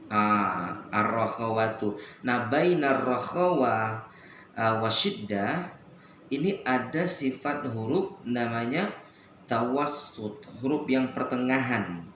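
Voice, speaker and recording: Slow-spoken man teaching letter sounds. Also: medium pitch, lively intonation, fairly bright tone, roomy sound, a little hiss or hum. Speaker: Quran recitation teacher. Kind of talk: explaining Arabic letter sounds on radio. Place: radio studio.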